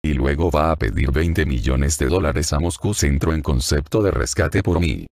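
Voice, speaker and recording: A man's voice: a bass voice, normal speed, creaky, darkish tone, no room sound. A man voicing a hardened, sardonic Russian woman agent in an audiobook, with a dry, cool, mocking manner.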